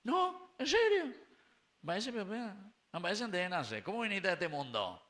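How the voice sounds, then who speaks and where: A man's voice: high voice, sing-song, normal speed, fairly bright tone. A man with a Paraguayan Spanish accent preaching a sermon at Mass in a small chapel, putting questions to the congregation and slipping into Guaraní words. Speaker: priest. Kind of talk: sermon at a live-streamed Mass.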